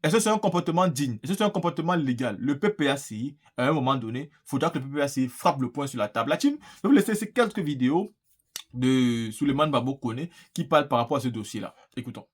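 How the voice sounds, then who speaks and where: A man's voice: mid-range voice, animated, fast talker, husky. A man hosting opinionated political commentary, indignant and full of rhetorical questions. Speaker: political commentary video host.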